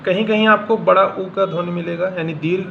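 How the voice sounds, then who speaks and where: A man teaching pronunciation in Hindi, reading out example words one at a time in a slow, deliberate way. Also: sits high, fairly even intonation, gravelly. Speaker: English teacher. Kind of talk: classroom lesson explaining pronunciation. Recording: dull lo-fi sound with faint room hum.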